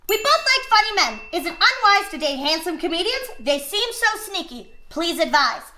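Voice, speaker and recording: A woman's voice: very high-pitched, very animated, normal speed, bright, forceful tone. A young woman hosting a comedic advice show, rambling and self-deprecating. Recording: echoey room.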